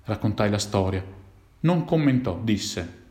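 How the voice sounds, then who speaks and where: A man's voice: on the low side, animated, unhurried, darkish tone. A man narrating a childhood memory in the first person, with a dramatic telling that lifts for the tense moments. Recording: roomy echo.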